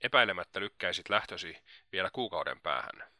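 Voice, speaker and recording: A man reading the lines of a proud, reserved young gentleman in an audiobook, cool and measured, lecturing at length. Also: low voice, animated, no room sound, studio quality, exaggerated voice.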